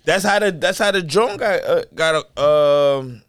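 A man's voice: fairly high pitch, unhurried, a crowd in the background. A man co-hosting a podcast in casual slangy frat-bro banter, teasing his friends and repeating phrases for emphasis. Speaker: podcast co-host.

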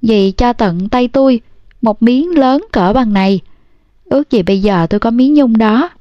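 A woman's voice: on the high side, normal speed, dry recording, natural voice. A woman voicing a simple-minded giant of a man who pleads in a childlike way, on a dull, dry recording. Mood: wistful.

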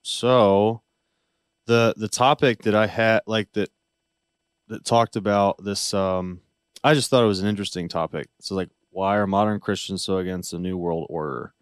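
A man's voice: on the low side, moderate pace, clear, resonant tone, no room sound, clean studio sound. A man co-hosting a podcast, rambling casually with jokey asides and restarts. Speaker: podcast co-host. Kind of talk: casual chat.

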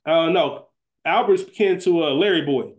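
Slightly high-voiced and a little slow, this man co-hosts a podcast. He keeps things informal with slang and occasional cursing while the group chats through a fantasy draft of a TV show.

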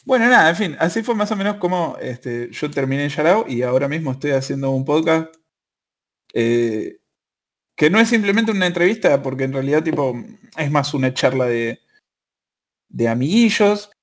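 Young man, Rioplatense Spanish accent, podcast host, rambling casual chat, fillers, a bit high-pitched. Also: lively intonation, moderate pace. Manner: rambling storytelling with frequent fillers.

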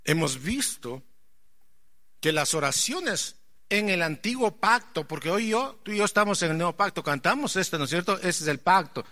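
A man preaching a sermon, impassioned and rising to near-shouts, putting questions straight to his congregation. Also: sits high, expressive, normal speed. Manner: addresses the congregation directly with questions.

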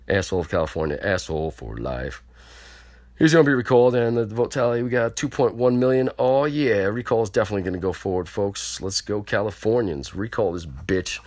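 A man's voice: fairly low pitch, no room sound. A man hosting his own podcast, rambling through a crude, mock-boastful comedic monologue. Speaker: podcast host.

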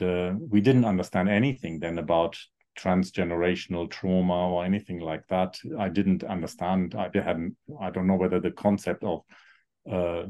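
A man, a psychotherapist speaking reflectively in an interview, with frequent pauses and fillers. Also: low voice, mellow. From Germany. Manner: thoughtful, halting, many fillers. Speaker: guest psychotherapist.

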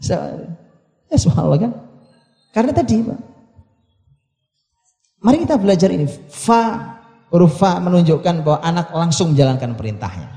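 A man preaching in a slightly high, mellow voice, reciting Arabic verses slowly and then explaining them with repeated phrases and rhetorical questions. The sound is roomy, with a long reverb that trails off his words as if in a large hall. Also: lively intonation, soft background music. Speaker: Islamic preacher. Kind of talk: sermon explaining Quranic Arabic.

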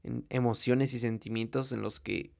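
A man's voice: mid-range voice, steady tone, normal speed, vocal fry, darkish tone. A young man with a Mexican accent giving a blunt, profane motivational monologue straight to the listener. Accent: Mexican Spanish. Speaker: motivational speaker.

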